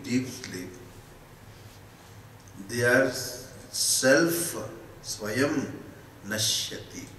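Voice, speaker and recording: An Indian-accented man delivers a philosophical discourse to students in a large, echoey space. He speaks slowly and emphatically, setting out rhetorical questions and short answers. The mic is at a distance, with faint noise behind him. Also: medium pitch, fairly bright tone.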